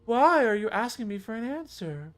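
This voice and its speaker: A cold, haughty old man from a video game, voiced by a man talks down to everyone. The voice sits raised in pitch and sounds imperious. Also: sing-song, normal speed. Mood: scornful, sceptical. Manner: condescending, imperious. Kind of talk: video game character dialogue read aloud.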